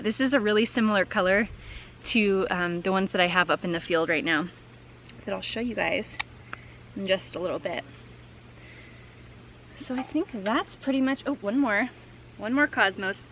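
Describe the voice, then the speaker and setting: A woman chats to her viewers while cutting flowers out in her field. She talks in an upbeat, rambling way, full of little fillers. She is recorded outdoors by a camera set low on the ground. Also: moderate pace, long pauses, fairly bright tone, slight background noise. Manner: chatty and upbeat, lots of fillers like "like" and "um". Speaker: flower farmer and vlogger. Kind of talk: casual vlog chat while harvesting.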